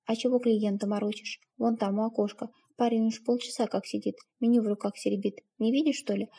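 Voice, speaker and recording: A woman reading the part of a brisk, blunt but caring barmaid who chides in colloquial speech. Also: on the high side, steady tone, creaky, mellow, slightly rough.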